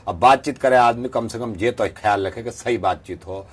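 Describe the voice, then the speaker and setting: On a prank call, a man plays a cocksure, rustic fake professor with a rural western Uttar Pradesh accent, rambling and repeating himself in a deadpan, bluntly folksy way. His voice is natural and medium-pitched, at a normal speed.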